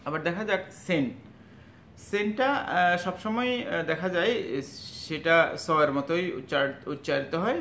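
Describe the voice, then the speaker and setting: A man giving a spoken lesson on letter sounds, halting and full of fillers, sounding each letter out slowly and loudly. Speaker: Arabic teacher. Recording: echoey room with faint rumble.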